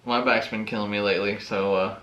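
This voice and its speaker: A man's voice: fairly low pitch, fairly even intonation, a little fast, fairly bright tone, roomy sound, dull audio, a little hiss or hum. A man hosting a fishing channel, casually unboxing tackle and talking with enthusiasm, often saying "really, really.".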